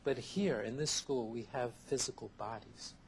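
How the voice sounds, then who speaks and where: A man answering interview questions in a thoughtful, measured way, often listing ideas one after another, heard from a worn VHS tape copy. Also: mid-range voice, a little hiss or hum. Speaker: interview guest, therapist.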